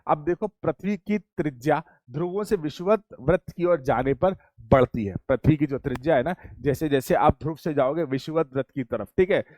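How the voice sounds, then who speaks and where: A man's voice: a little high, normal speed, few pauses, darkish tone, dry recording. A man teaching a physics class online, repeating key points and quizzing his students with call-and-response questions. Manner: addresses students as beta and bachhe.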